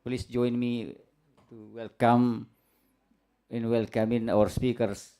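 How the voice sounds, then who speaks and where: A man's voice: mid-range voice, little pitch movement, slow, mellow, clean tone. A man with an Indonesian accent, moderating a workshop and reading its introduction aloud with frequent fillers. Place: seminar room.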